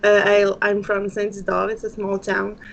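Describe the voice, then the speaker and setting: A French-speaking woman in her thirties from northern New Brunswick with an Acadian accent, chatting as an interview guest in halting English. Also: mid-range voice, monotone, gravelly, slight background noise. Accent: Acadian French Canadian. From northern New Brunswick, Canada. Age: 30s. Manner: halting non-native English phrasing. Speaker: pageant guest. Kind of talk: casual interview chat. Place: indoor room at home, video call. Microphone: webcam video call. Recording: muffled lo-fi video call, music behind.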